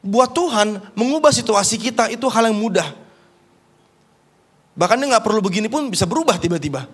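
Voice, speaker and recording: A man preaching a sermon as pastor, moving between raised emphatic lines and soft, intimate asides. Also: high-pitched, lively intonation, a little fast, slightly rough.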